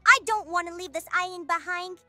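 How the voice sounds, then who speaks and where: A woman's voice: very high-pitched, fairly quick, bright, forceful tone, soft background music, exaggerated voice. A woman voicing a shy, nervous young reindeer doctor in a cartoon who stammers and doubts himself. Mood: earnest.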